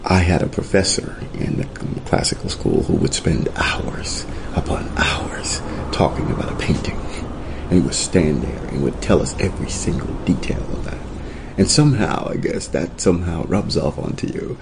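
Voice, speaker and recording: A man's voice: low-pitched, lively intonation, moderate pace, creaky, noisy background. A middle-aged man from Costa Rica, a guest in an interview, telling his life story in a thoughtful way with frequent restarts. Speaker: guest, entrepreneur and author. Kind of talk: reflective interview talk.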